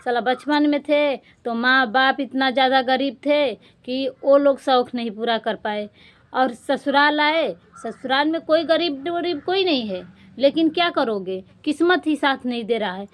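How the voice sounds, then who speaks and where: एक युवा महिला व्लॉगर, जो बार-बार अपनी बात दोहराते हुए दुखी और गुहार भरे लहजे में अपनी निजी परेशानियाँ सुनाती है।. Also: female voice, high voice, unhurried. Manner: distressed, pleading, repetitive; defiant outburst. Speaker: vlogger. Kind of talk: emotional personal vlog.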